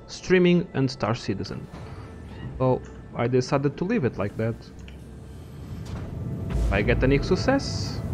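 A man's voice: medium pitch, a little mellow, a little hiss or hum. Rambling young man narrating gameplay. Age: young adult. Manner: rambling, profane, thinks aloud. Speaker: gaming channel host. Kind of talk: casual gameplay commentary.

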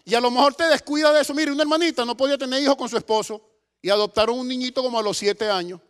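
A middle-aged Venezuelan pastor with a strikingly high voice preaches with passion, rising into loud bursts and dropping to hushed asides. His voice rings through a church hall with a long, echoing tail. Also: very fast, clean tone. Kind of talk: sermon.

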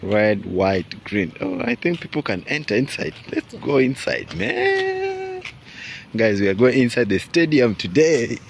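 A man's voice: medium pitch, huge pitch swings, unhurried, vocal fry. A man filming a casual walking vlog outdoors on a phone, chatty and teasing, mixing English and Swahili. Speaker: vlogger filming a walk. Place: outdoors by a stadium at dusk. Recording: outdoor street noise.

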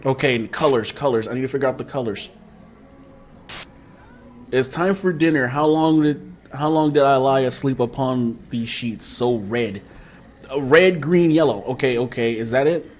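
A young man live-streams a horror game from a small room with posters behind him, nervously talking to his chat. His mid-range voice runs at a moderate pace, and he is jumpy, breaking into sudden loud yelps and bursts of laughter.

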